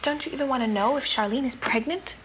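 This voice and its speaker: A young actress playing a sulky, defiant stepdaughter in a TV comedy-drama. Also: female voice, high-pitched, fast, a little hiss or hum, lightly acted. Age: young adult. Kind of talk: television comedy-drama acting.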